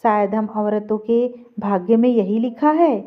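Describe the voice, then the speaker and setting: A woman voicing an older mother-in-law in an audio story, speaking in a gentle, coaxing way. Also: medium pitch, unhurried, lightly acted. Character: older mother-in-law, soft persuasive matriarch. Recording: dull lo-fi recording.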